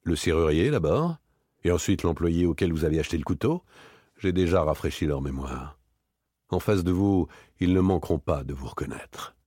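A man's voice: sits low, lively intonation, normal speed, warm tone, husky, dry recording, studio quality. A man voicing a cold, relentless former police inspector, talking dryly, hard and with precision.

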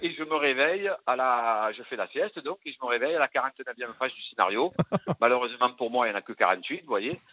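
A man with a Marseille accent, an actor guest telling rambling, animated stories with many fillers in a radio interview. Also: mid-range voice, rapid-fire, dry recording. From Marseille, France. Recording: tinny phone-like radio sound.

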